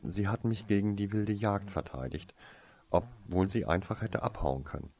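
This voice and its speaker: A man's voice: lowish voice, moderate pace, vocal fry, a little mellow, breathy edge. A man voicing a cautious, secretive young wizard boy in a fantasy storybook, speaking in a hesitant, guarded way.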